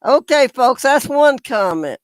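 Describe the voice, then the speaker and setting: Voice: high-pitched, very animated, unhurried, no echo. A YouTube commentator talking casually and indignantly to viewers, reading out comments and calling them ridiculous. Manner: indignant, exasperated, repeatedly addresses viewers as folks.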